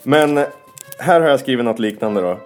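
A man in casual, joking chat while making a song in an apartment, his throat tired from shouting. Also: mid-range voice, lively intonation, faint music behind. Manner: wry, joking. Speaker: songwriter.

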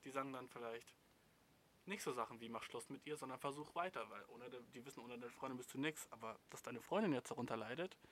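Ein junger Mann mit deutschem Akzent, der locker und in Jugendslang Zuschauerfragen beantwortet, direkt und spöttisch. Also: male voice, mid-range voice, quick pace, fairly bright tone, a little hiss or hum. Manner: blunt, slangy, mocking. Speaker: advice streamer reading viewer messages. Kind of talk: casual slangy chat.

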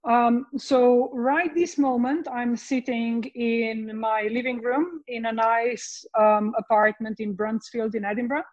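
A Slovenian woman with a Slovenian accent, a veterinary oncologist guest speaking from her living room in a measured way, with frequent ums. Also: on the high side, fairly even intonation, darkish tone, no echo, muffled recording. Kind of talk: casual podcast chat.

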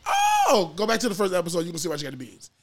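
A woman's voice: fairly low pitch, huge pitch swings, racing, heavy background noise. A woman in her late thirties co-hosting a podcast, brash and joking, swearing freely in casual chat. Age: 30s. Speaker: podcast co-host.

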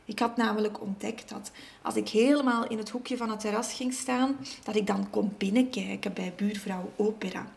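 A woman reading a children's story aloud in an expressive, measured way. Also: medium pitch, creaky.

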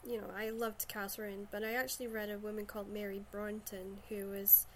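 A woman's voice: mid-range voice, flat delivery, brisk, slight background noise. A woman from Shetland with a Shetland Scottish accent, chatting casually about books. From Shetland, Scotland.

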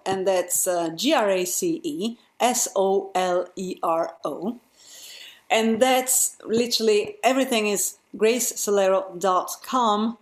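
A woman's voice: medium pitch, reverberant. A woman musician from Europe, chatting casually as an interview guest and laughing easily.

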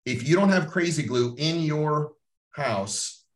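A man's voice: a little high, animated, slow. A middle-aged Canadian man hosting a podcast, talking bluntly and profanely in a motivational coaching tone. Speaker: podcast host. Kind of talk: motivational monologue. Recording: roomy sound, mic at a distance.

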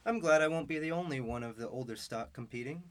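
A man's voice: medium pitch, fast talker, natural voice. Man playing a courteous older knight. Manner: formal, courteous. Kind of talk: student radio drama acting.

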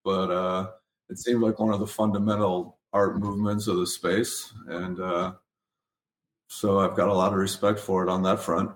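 A hoarse man who is losing his voice, a pizzeria owner guest, speaking matter-of-factly and clearing his throat. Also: sits low, flat delivery, moderate pace. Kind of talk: casual panel chat. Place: shared room with other guests. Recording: echoey room.

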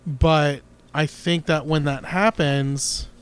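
A man's voice: a little high, fairly even intonation, slow, clear, resonant tone. A man co-hosting a casual guitar podcast, talking in a rambling, opinionated way with many restarts. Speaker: podcast co-host. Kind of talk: casual chat.

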